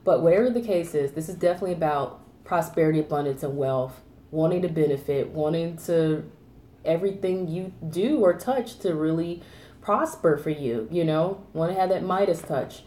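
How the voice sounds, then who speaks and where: A woman giving a rambling tarot reading, repeating herself and filling pauses with fillers. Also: sits low, mellow, roomy sound. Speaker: tarot reader.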